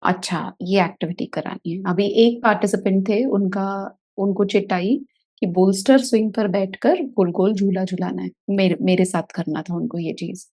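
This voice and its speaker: Mellow-voiced woman therapist telling a story. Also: mid-range voice, moderate pace. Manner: animated storyteller who acts out scenes. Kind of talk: casual video talk, telling a story from a workshop.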